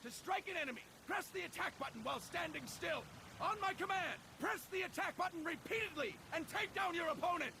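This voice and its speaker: High-pitched barking drill sergeant. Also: male voice, lively intonation, brisk, creaky, pushed and bright, slight background noise, exaggerated voice. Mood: brisk, commanding. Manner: drill sergeant style, barking commands, stern. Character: gruff, bossy military drill instructor in a training tutorial. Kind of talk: video game tutorial instruction.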